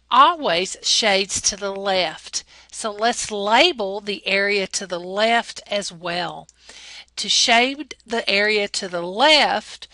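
A woman working as a math lab technician narrates a lesson over slides, explaining slowly and deliberately like a classroom teacher. Her delivery is patient and step-by-step, in a bright, mid-range voice. There is no room sound.

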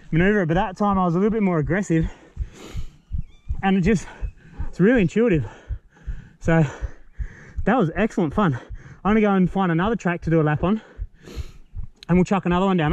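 A man's voice: sits high, dry recording. A man, casually talking through a mountain bike and then riding it on an outdoor trail, recorded on an action camera. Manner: relaxed and chatty, gets excited while riding. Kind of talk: casual ride-along bike review. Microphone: helmet or bike-mounted action camera. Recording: faint wind noise on the mic.

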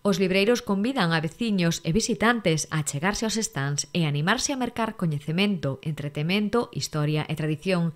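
A woman news reporter delivering scripted news narration in an even, measured way. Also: fairly low pitch.

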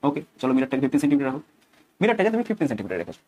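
A man's voice: mid-range voice, very animated, racing, mellow. A man with a Bengali accent teaching a physics lesson, talking through each step aloud, repeating phrases and asking his students questions.

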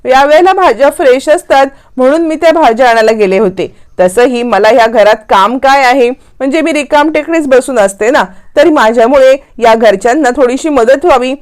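Sweet-talking scheming young woman, sugary and pleading, high-ish, as a woman puts her on. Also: normal speed, few pauses, lightly acted.

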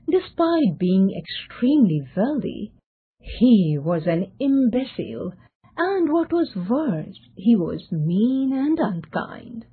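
A woman narrating a storybook tale in a slow, expressive way. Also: mid-range voice, husky. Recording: tinny phone-like sound.

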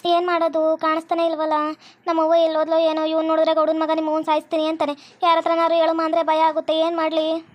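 A woman's voice: extremely high pitch, monotone, fast. A woman with a North Karnataka Kannada accent playing a young village girl who misses her mother and pleads anxiously. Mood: worried. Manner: fretful, pleading.

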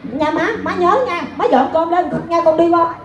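A woman's voice: very high-pitched, steady tone, highs cut off, crowd noise. A woman with a Southern Vietnamese accent playing a chattering daughter who fusses over her mother while loading her with chores. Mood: fussy. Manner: rapid, fussing and exclaiming. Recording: echoey stage with music.

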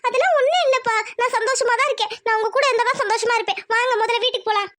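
Performer doing a gentle young cartoon daughter, very high, soft, pleading. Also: racing.

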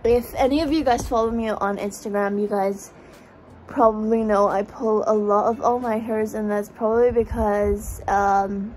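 A woman's voice: mid-range voice, fairly even intonation, normal speed, darkish tone, a little hiss or hum, poor audio. A young woman in her twenties, tired after an all-nighter, chatting and rambling casually to a phone camera held at arm's length in a small bedroom. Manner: chatty, rambling, self-mocking. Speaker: vlogger. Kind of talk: casual vlog chat to camera.

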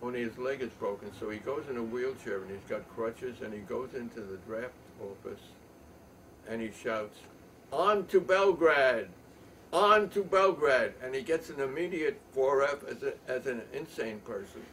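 An older man telling a story in a rambling, halting way, with many pauses and fillers. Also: mid-range voice. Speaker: show host. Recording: distant mic with faint room noise.

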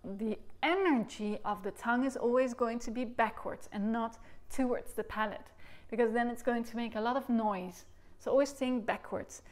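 This Dutch-accented woman in her thirties teaches recorder from her living room sofa, patiently talking through articulation and saying syllables aloud with gestures. Her voice is a little high and darkish, at a normal speed, in what amounts to a demonstration lesson.

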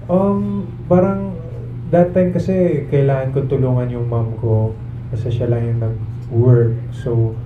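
A young man, an actor at a press conference, giving polite, soft-spoken, rambling answers into a handheld mic in a large room. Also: medium pitch, steady tone, slow pace, narrow, tinny audio, noisy background. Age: young adult. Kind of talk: casual interview answers. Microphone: handheld mic, recorded by a far camera. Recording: echoey room from far off, thin sound.

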